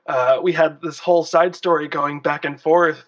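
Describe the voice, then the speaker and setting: A man's voice: a little high, steady tone, normal speed, fairly bright tone, far from the mic, lo-fi sound. A man appearing as a guest on a casual show, joking and self-deprecating. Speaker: guest commentator. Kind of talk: casual podcast chat.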